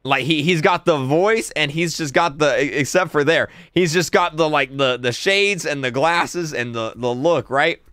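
A man in his twenties hosting a casual livestream, excitable and quick to laugh, repeating words as he reacts. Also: fairly high pitch, no room sound, studio quality. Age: 20s. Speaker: livestream host.

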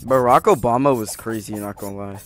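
A man chatting casually while playing an online game, joking and breaking into loud playful outbursts. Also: on the low side, fairly quick. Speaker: gameplay streamer.

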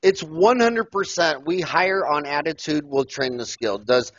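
An older man and dentist, talking loudly and emphatically, telling stories in an animated interview over a headset mic on a video call. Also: on the high side, unhurried, no room sound. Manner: loud, emphatic, storytelling. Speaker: dentist and podcast guest. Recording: dull, lo-fi call audio.

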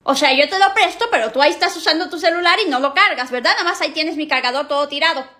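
A young woman acting out a comedy skit, sassy and full of quick comebacks. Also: sits high, sharp tone.

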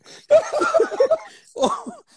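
High-voiced man rambling comic tales. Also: sing-song, drawn-out words. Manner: rambling, laughing, bursts into high shouted gibberish quotes. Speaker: comedian playing a Titanic historian. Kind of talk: improvised comic storytelling. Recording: noisy background hiss.

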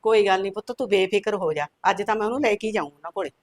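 An older woman playing a worried village mother who pleads gently with her family. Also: mid-range voice, rapid-fire, no room sound, natural voice. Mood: consoling. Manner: soft coaxing pleas, repeated "putt". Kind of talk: rural family drama acting.

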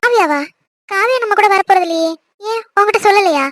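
Woman playing a high-pitched, fast-talking cartoon sister, dry close sound. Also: animated, a bit bright, no echo. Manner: pleading and tearful, quick chatter. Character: young married sister, emotional and lively. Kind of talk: animated cartoon dialogue.

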